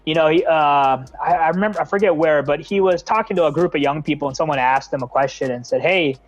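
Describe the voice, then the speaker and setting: Speaking quickly in a voice on the high side, the Bay Area nonprofit founder, a young American man, gives casual interview talk. He is earnest but stumbles through plenty of fillers and restarts.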